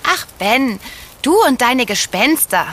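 A practical young woman who calmly waves away spooky ideas. Her voice sits high and clear, with a light teasing edge. A faint hiss runs beneath it. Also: slow, heavily acted. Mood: amused. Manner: calm and sensible, gently teasing. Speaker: Anna, lead in audio drama. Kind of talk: children's audio drama acting.

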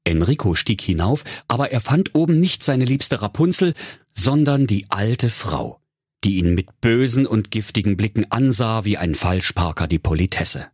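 Husky man telling a comic fairy tale. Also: on the low side, expressive, moderate pace, no room sound, clean studio sound. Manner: playful, with wide swings in tone. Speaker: storyteller.

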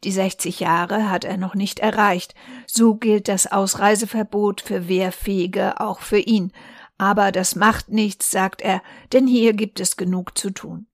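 A woman reading a newspaper reportage aloud in a calm, measured way. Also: medium pitch, dry recording, clean studio sound. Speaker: volunteer reader.

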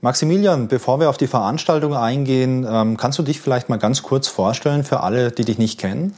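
A man's voice: medium pitch, a little fast, a little mellow. A man hosting a casual interview, asking friendly, curious questions with a few fillers. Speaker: host.

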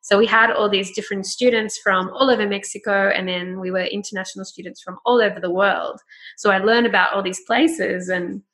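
Chatty young woman podcast host, bright tone, laughs a lot. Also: medium pitch, steady tone, fairly quick. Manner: chatty, laughs often, mimics phrases. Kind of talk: casual chat.

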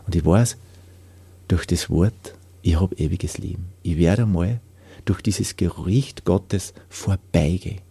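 A man giving an earnest personal faith testimony, often dropping to soft whispers when moved. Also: low voice, unhurried, gravelly, slightly rough, no room sound.

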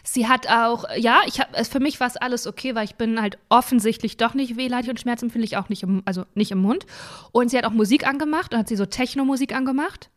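Woman, 30s, podcast co-host; lively anecdote teller who acts out quoted people, voice sits a little high. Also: quick pace. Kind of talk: casual chat.

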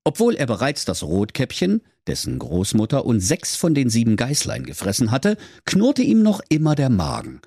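A man narrating a comic fairy tale with playful, lively storytelling. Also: medium pitch, normal speed, few pauses, slightly rough, no echo, studio quality.

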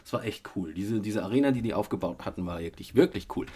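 On a casual podcast he hosts with his child, a man with a cold recounts a day out in sequence. His husky voice is fairly low and he talks fast, staying relaxed and dropping in many fillers.

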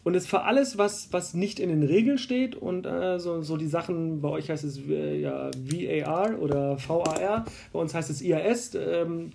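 Chatting casually as a guest, a Berlin basketball referee explains the rules of officiating, looping back with fillers and restarting sentences. He has a dark, gravelly voice pitched slightly high for a man, with slight background noise.

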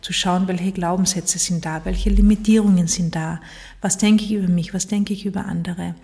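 A woman delivers a motivational monologue about personal change, speaking directly to the listener in a reflective way with frequent pauses. Her voice is lowish, steady and warm.

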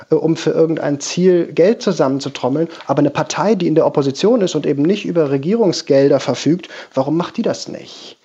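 A man calling in to a radio talk show over the phone, speaking earnestly in a halting way with fillers. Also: a little high, dark tone, slightly rough, lo-fi sound. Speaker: caller. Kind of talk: casual call-in chat.

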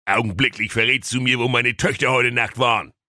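A man's voice: medium pitch, steady tone, a little fast, pushed and bright, no room sound, studio quality, pitched above the performer's own voice. A man voicing a hot-tempered old king who blusters and scolds in a comic storybook. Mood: grumpy. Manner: blustering, irritable.

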